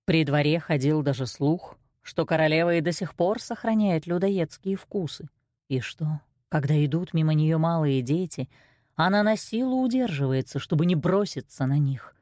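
A woman narrating a fairy tale in an expressive storytelling voice. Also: normal speed, no room sound, studio quality. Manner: expressive, with wide swings in pitch.

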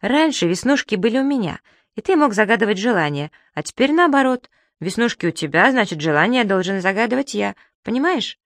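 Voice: a little fast, dry recording. A narrator voicing a cheeky, childlike male creature who giggles and teases, in an audiobook reading. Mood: smug. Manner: giggling, teasing, high and lively.

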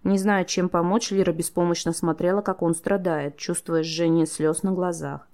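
A woman narrating an audiobook in a steady storytelling manner, voicing the characters herself. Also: lowish voice, moderate pace. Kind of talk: scripted narration.

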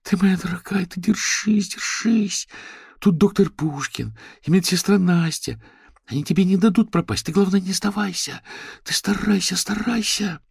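Audiobook figure: an effusive, tender woman, done by a man, frantic in manner, lifted high. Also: moderate pace, gravelly, husky, dry recording, studio quality, heavily acted. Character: woman writer, fervent and doting.

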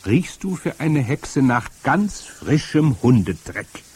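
A man reading aloud and voicing a stern old grandmother who explains things firmly, with a husky voice. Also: mid-range voice, sing-song, a little mellow, voice pushed up, exaggerated voice. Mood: stern, lecturing. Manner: firm, lecturing, drawn-out emphasis. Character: stern old grandmother, matter-of-fact storyteller. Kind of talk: audiobook reading.

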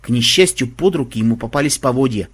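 A man reading a comic fantasy story aloud as narrator, expressive and lively. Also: medium pitch, fast talker, husky. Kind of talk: audiobook narration.

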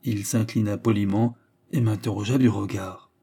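Low husky man narrating a novel. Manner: measured, even storytelling. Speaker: audiobook narrator. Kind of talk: literary audiobook narration.

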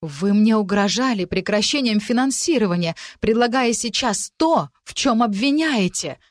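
A woman's voice: medium pitch, moderate pace, no echo, clean studio sound, lightly acted. A woman reading an audiobook, voicing a fierce young heroine who answers back in breathless outrage. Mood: defiant.

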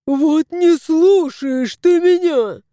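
A woman's voice: medium pitch, big pitch swings, warm tone, no echo, studio quality. A woman voicing a plump, touchy male house cat who whines and sulks in an audiobook. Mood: whining. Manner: whining, drawn-out complaints. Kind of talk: audiobook character voice.

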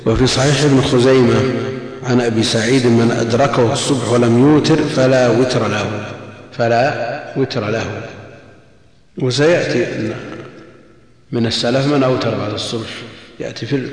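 A man giving a measured commentary lesson on a classical text, repeating key phrases and posing rhetorical questions. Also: medium pitch. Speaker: religious lecturer. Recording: very echoey long hall reverb.

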